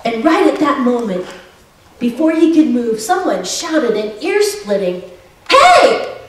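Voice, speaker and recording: A woman pastor telling a children's story in church, animated and asking the children questions. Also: on the high side, measured pace. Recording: echoey sanctuary from far off.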